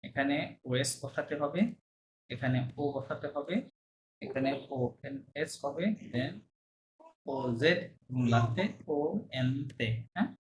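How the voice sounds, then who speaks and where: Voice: mid-range voice, slow pace, noisy background. ধৈর্যশীল ফরাসি ভাষার শিক্ষক, মাঝে মাঝে ইংরেজি শব্দ. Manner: patient, checks understanding with frequent "right?"; mixes Bengali with English and French terms. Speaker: French teacher. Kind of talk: online language lesson.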